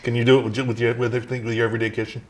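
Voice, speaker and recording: Casual host asking short questions, mid-pitched, a bit off-mic with faint hiss. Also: level tone, racing. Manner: brief questions and backchannel murmurs. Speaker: show host. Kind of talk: casual interview chat.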